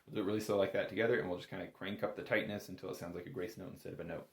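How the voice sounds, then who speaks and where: Racing along in a low, steady voice, a man walks students through bagpipe playing one step at a time, staying patient and supportive despite his speed. The indoor sound is spacious and echoey.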